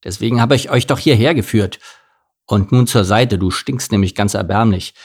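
A man's voice: on the low side, moderate pace, breathy edge. A man voicing an arrogant male camel who leads a caravan and talks in a snappish, bossy, haughty way. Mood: snapping.

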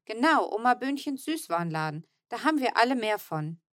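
A woman reading aloud puts on Manne, a grumbling, excitable man in a children's audiobook. He fusses and exclaims, pitched higher and pushed louder than the narration, with a dry, close sound. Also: fairly quick, dry recording. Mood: ranting. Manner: fussing and exclaiming.

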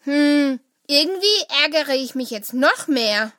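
A woman's voice: high-pitched, expressive, slow, sharp tone, no room sound, studio quality, exaggerated voice. A woman voicing a child in a family audio drama who grumbles expressively. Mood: annoyed. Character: annoyed young child in family.

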